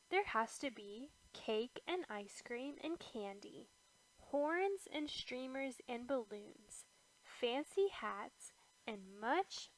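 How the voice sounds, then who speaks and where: Woman as an eager young boy cat, high-voiced. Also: low-quality recording. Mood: eager, excited. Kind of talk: children's storybook read-aloud.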